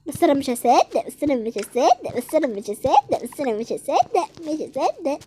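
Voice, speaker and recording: A young performer voicing a patient mother with an Egyptian Arabic accent, speaking softly and calmly in a homemade skit. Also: high-pitched, fairly quick, slight background noise, pitched below the performer's own voice. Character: patient adult mother soothing her daughter.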